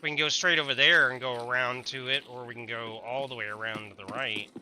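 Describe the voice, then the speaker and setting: A man's voice: mid-range voice, steady tone, fairly quick, background noise. A man streaming a game, chatting casually with a teammate, swearing often and trailing off mid-sentence. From United States. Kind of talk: casual gaming chat.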